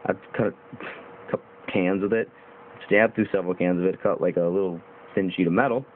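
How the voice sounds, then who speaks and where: A man's voice: low-pitched, fairly even intonation, brisk. Young man with a tinny, phone-like sound. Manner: rambling, informal, with fillers and mild swearing. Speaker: knife reviewer. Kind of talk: casual video review. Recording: tinny phone-like audio with faint hiss.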